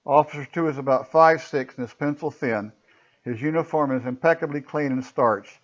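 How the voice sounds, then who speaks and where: Male storybook narrator, matter-of-fact; higher than usual pitch, dull lo-fi recording. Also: normal speed. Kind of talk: storybook reading.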